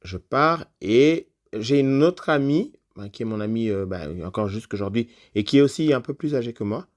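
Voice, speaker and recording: A man's voice: mid-range voice, animated, moderate pace. A man, a podcast guest, telling a personal story in a casual conversational way, with loose phrasing and frequent fillers.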